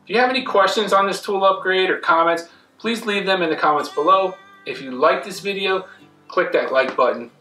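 A man's voice: high voice, a little fast, pushed and bright. A man in his thirties, a woodworking channel host, talking casually and directly to the camera in his indoor shop. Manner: plain, friendly, direct to camera. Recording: echoey shop room. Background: faint guitar music.

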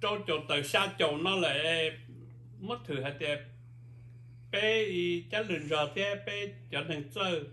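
A man's voice: sits high, drawn-out words, sharp tone. A man interviewing an elder in casual conversation, giving short prompts and brief agreements.

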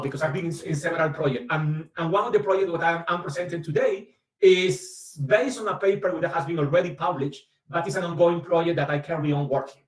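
A man's voice: on the high side, recorded from a distance. A man in his fifties from Colombia with a Caribbean Colombian accent, giving an academic talk over a video call and often repeating "actually". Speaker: guest speaker, professor. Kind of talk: academic presentation. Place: home office, indoors. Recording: roomy video call audio from the mic.

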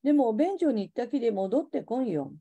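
A woman's voice: fairly high pitch, sing-song, brisk, phone-quality sound. A woman voicing a dying young girl who asks faintly for her parents in Hiroshima dialect. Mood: faint wistful. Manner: faint, wistful.

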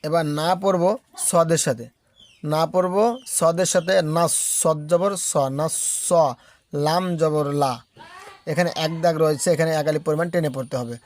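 A man's voice: fairly high pitch, steady tone, normal speed. A man teaching Quran reading from Bangladesh, spelling out Arabic letters one syllable at a time and drawing out the long vowels. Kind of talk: slow spelled-out recitation lesson.

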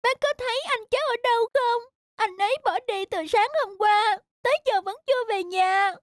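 A woman voicing a small tearful kitten in a children's cartoon, pleading in a high voice. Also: moderate pace, dry recording, clean studio sound. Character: little cat Mít, small tearful child. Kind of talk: cartoon voice acting. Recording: children's music bed behind.

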